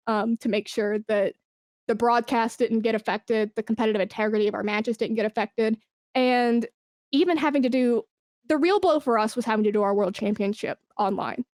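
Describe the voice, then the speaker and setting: In a clean, dry studio recording, a fairly high, darkish-toned woman appears as a podcast guest. The interview is casual and informal, and she gushes emphatically about her esports brand management work.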